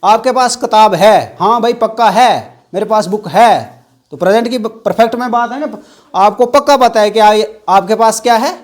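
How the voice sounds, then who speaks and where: A man's voice: high-pitched, moderate pace. A man teaching an English grammar class, asking the students questions and repeating the key words.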